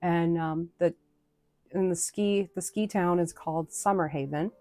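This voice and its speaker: A woman's voice: lowish voice, fairly even intonation, unhurried, mellow, no echo. A woman from New England chatting casually with viewers on a live stream, rambling with lots of fillers and restarts.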